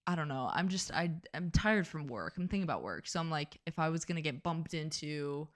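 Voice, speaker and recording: Young woman, casual podcast co-host, chatty and self-deprecating, a bit low for a woman. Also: animated, fairly quick. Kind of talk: casual chat.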